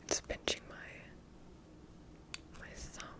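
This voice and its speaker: A woman speaking in a soft, breathy, unhurried whisper as she demonstrates nail tapping for ASMR. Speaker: ASMR creator.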